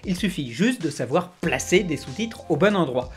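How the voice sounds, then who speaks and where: A man hosting a web series, delivering scripted commentary at a quick clip with sarcastic asides. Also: a little high. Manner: rapid, animated delivery. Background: faint background music.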